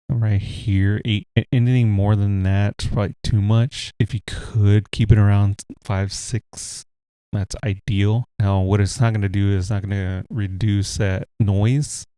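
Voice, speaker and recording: Speaking from a home room where a heater runs, a deep-voiced man rambles easily through a casual screen-recorded tech tutorial, dropping plenty of fillers. His USB desk mic lacks a pop filter, and the sound has no echo.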